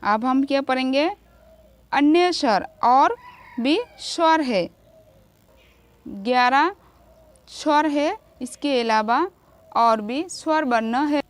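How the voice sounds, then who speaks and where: A woman's voice: sits high, lively intonation, takes it slowly, pauses often. A woman teacher giving a grammar lesson to children, asking questions and answering them herself.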